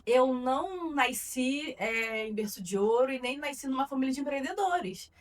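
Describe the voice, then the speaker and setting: A woman's voice: sits high, animated, normal speed, recorded from a distance. A woman with a Carioca accent, guesting on an interview podcast and telling her story earnestly, with a few fillers. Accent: Carioca Brazilian Portuguese. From Rio de Janeiro, Brazil. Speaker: guest, marketing consultant.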